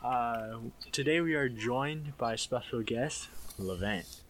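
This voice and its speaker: A man's voice: medium pitch, animated, slow pace, a bit bright, slight background noise. A teenage boy hosting a podcast over a video call, joking in a dry way. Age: teens. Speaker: podcast host. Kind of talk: casual chat.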